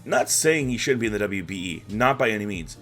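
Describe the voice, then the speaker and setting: Guy with a groggy morning voice doing a chatty recap, lowish pitch, faint music behind. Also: lively intonation, a little fast, fairly bright tone. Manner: loose, chatty, with fillers and restarts. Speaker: host of a weekly league recap. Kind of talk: casual recap commentary.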